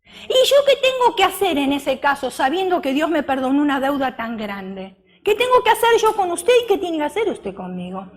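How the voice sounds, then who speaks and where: A woman's voice: sits high, big pitch swings, normal speed. A woman preaching a sermon. She keeps asking the congregation questions and acts out the parable as she tells it.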